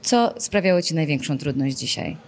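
A woman's voice: low voice, moderate pace. Young female sports reporter, probing. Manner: lively, probing questions. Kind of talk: post-match interview questions. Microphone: handheld broadcast mic.

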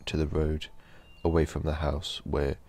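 A man narrating a horror story in a slow, measured storytelling delivery. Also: very deep voice, monotone, a little mellow.

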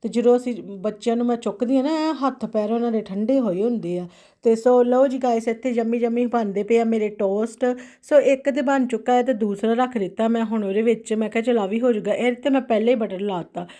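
Brisk and mellow, with a slightly high voice, this daily vlogger talks casually at home in a Punjabi accent. She's chirpy, full of exclamations, and mixes English phrases into her speech.

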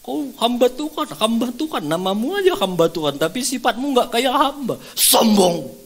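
A man voicing a stern divine voice that slowly and loudly scolds a proud servant. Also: very high voice, big pitch swings, voice pushed up, exaggerated voice. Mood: stern rebuke. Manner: slow, loud, emphatic scolding.

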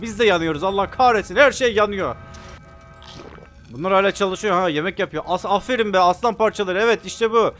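A young man playing a video game, commenting excitedly and joking as he talks to the characters on screen. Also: high voice. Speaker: gaming YouTuber. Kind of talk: let's play commentary.

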